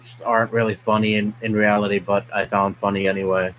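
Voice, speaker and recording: A man's voice: on the low side, level tone, fast talker, lo-fi sound, a little hiss or hum. A young man from New York City, a streamer ranting bluntly and profanely in casual live-stream chat. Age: young adult.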